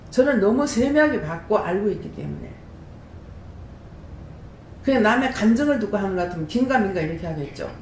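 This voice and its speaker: A woman, a prayer house director, giving an animated testimony sermon and throwing rhetorical questions to the congregation. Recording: echoey room with faint rumble.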